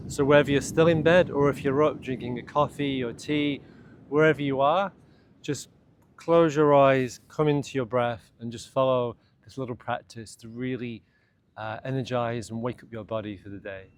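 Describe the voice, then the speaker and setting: A mid-range male voice softly guides a morning meditation and self-massage, taking his time and speaking in brief phrases. The recording has a clear, steady ambient background.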